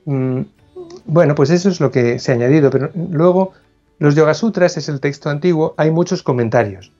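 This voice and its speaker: A man's voice: on the high side, fairly quick, warm tone, dull audio, soft background music. A man, a philosophy scholar, explaining ideas as an interview guest, thoughtful and prone to restarts and self-corrections.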